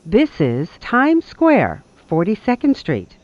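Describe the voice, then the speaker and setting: A recorded subway announcer heard over a train loudspeaker, speaking in measured, evenly spaced phrases. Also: mid-range voice, wildly swooping pitch, dull audio. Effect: played over a train loudspeaker.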